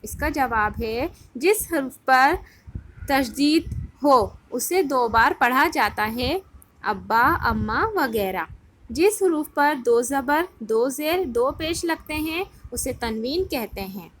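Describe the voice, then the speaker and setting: Woman schoolteacher, high-pitched, patient question-and-answer lesson style, faint background noise. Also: expressive, fairly bright tone. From India. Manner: patient, asks the class questions and answers them herself. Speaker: school Urdu teacher. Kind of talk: recorded grammar lesson for children.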